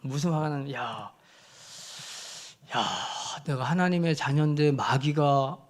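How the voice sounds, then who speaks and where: A fairly high-voiced male missionary preaches in a church, telling his story with lively swings of loudness. He piles on fillers as he speaks, and his tone stays conversational. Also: a little slow. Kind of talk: storytelling sermon.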